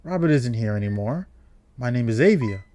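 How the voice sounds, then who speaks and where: A man reading the lines of a calm, mysterious young woman in a fan-made game, in his own voice. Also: mid-range voice, brisk, close to an everyday voice.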